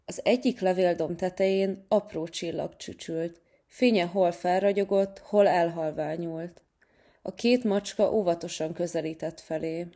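A woman reading a children's story aloud in a gentle, measured way. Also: on the low side.

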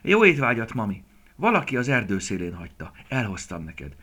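A man voicing an eager young male roe deer fawn in a storybook, raising his voice high and calling out excitedly. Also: full character voice. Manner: excited, high-pitched calls.

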